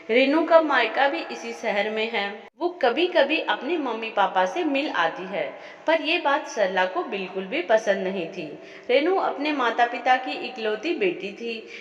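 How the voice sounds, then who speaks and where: A woman narrating a scripted family story as the storyteller, with measured, expressive delivery. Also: fairly high pitch. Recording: echoey, dull lo-fi room.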